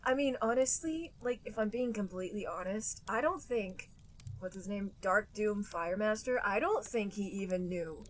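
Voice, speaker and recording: Over slight background noise, a young adult woman speaks at a normal speed in a mid-range voice as co-host of a laid-back podcast chat. Her talk is loose, peppered with fillers like "like," and broken up by frequent laughter.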